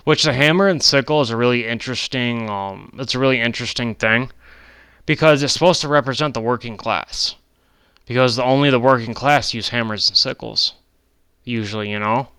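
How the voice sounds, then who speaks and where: On his own channel, a twenty-something host rambles through a slide-based lecture in an informal way, often veering off topic and fixing his own mistakes. He speaks in a mid-range voice that sounds pushed and bright yet clear and resonant, captured in a dry recording.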